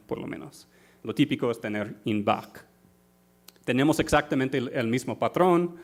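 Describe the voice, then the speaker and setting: A man giving an academic conference talk in a university auditorium, speaking carefully with frequent fillers and self-corrections. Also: mid-range voice.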